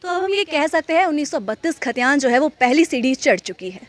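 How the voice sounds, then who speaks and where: A woman's voice: high-pitched, very animated, brisk, dry recording. A woman news reporter asking questions and wrapping up an interview segment in a formal presenter manner.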